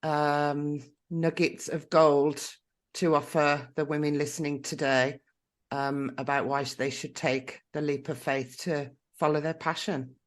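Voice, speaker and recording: A woman's voice: low-pitched, little pitch movement, measured pace. A woman hosting a podcast interview, encouraging and openly emotional with her guest. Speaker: podcast host.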